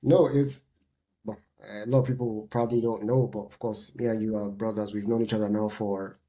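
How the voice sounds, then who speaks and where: A man, co-hosting a podcast in a relaxed, chatty way. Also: on the low side, a little fast. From Nigeria. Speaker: podcast co-host. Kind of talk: casual chat.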